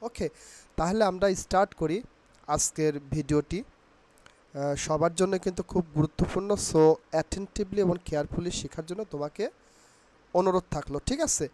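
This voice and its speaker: A man's voice: sits high, normal speed, long pauses, a little mellow. A man with a Bangladeshi accent teaching English pronunciation, repeating each word several times and mixing English phrases into his talk. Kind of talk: casual spoken lesson.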